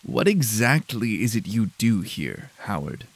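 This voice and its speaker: Man voicing a tired war vet, low voice, short curt answers, holding back annoyance. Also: big pitch swings, measured pace, gravelly, breathy edge, full character voice. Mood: guarded. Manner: clipped, restrained irritation. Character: weary male war veteran, terse and guarded.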